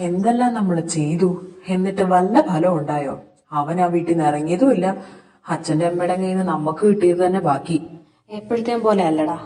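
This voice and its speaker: A woman's voice: on the low side, dark tone, close to an everyday voice. A woman voicing a scheming young man who plots a cruel prank, speaking in a sly, conspiratorial way. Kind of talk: fan audio drama acting. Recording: roomy, distant amateur recording.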